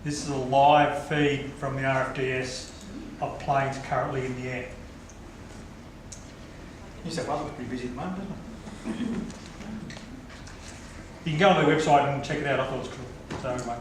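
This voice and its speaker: Picked up from afar in a noisy, echoing lecture hall, a forum moderator talks chattily and throws in light asides to listeners. He has a steady mid-range voice, speaks at normal speed and pauses often.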